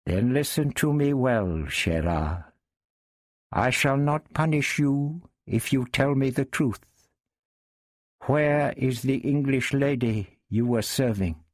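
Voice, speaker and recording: A man voicing a shrewd, commanding male sultan who speaks in a measured, deliberate way. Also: mid-range voice, no room sound, clean studio sound, pitched above the performer's own voice, close to an everyday voice.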